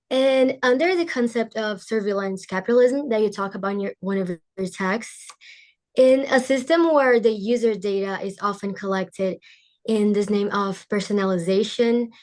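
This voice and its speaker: A woman, a student, carefully reading out a prepared question in English. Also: medium pitch. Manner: careful, formal phrasing.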